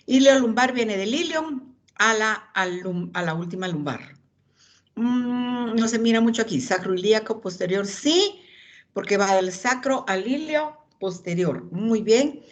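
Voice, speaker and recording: A woman's voice: medium pitch, lively intonation, a little slow. A woman lecturing anatomy, pointing out images and calling on students by name.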